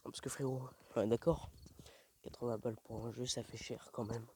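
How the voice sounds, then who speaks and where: A young man rambling in slangy, self-mocking talk while walking alone outdoors at night in a dark village, recorded on the phone he carries. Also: mid-range voice, little pitch movement, moderate pace, heavy background noise. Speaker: vlogger. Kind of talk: rambling casual vlog. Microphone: phone held while walking.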